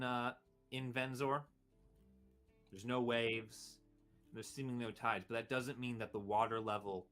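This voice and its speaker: A man narrating a tabletop role-playing game as game master, halting and searching for his words. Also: medium pitch, fairly bright tone.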